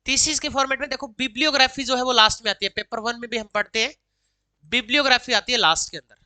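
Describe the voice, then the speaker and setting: A woman teaching exam solutions, reading each English question slowly, then explaining quickly in Hindi mixed with English. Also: a little high, sharp tone, no room sound, poor audio. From Haryana, India.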